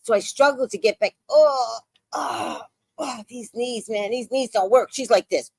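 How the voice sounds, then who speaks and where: A woman's voice: a little high, a little slow, creaky, darkish tone, slightly rough, no room sound. A woman in her sixties telling a story in a casual, profane, dramatic way as a podcast host. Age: 60s.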